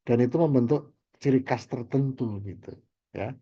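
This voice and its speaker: A man's voice: medium pitch, normal speed, warm tone, breathy edge, highs cut off. A man teaching an online class, explaining terms at length and ending phrases with little checks. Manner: explanatory, repeats key terms with "gitu ya". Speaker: lecturer. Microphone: video call.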